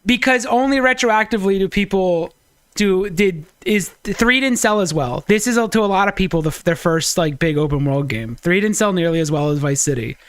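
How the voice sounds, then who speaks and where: A man's voice: sits high, normal speed, clear, resonant tone, no room sound. A man in his thirties, co-host of a casual podcast, arguing his point heatedly and swearing freely. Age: 30s.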